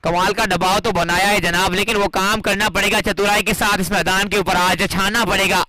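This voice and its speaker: An Indian man giving excited live cricket commentary in a dramatic, emphatic manner. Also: high voice, moderate pace, low-quality recording. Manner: dramatic, emphatic, rising into exclamation at key moments.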